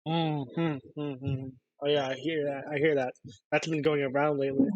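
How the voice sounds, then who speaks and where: A man's voice: fairly high pitch, little pitch movement, moderate pace, no room sound, highs cut off. Teasing male streamer, dry close mic. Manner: teasing, mocking, laughing often. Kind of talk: live-streamed gaming chat.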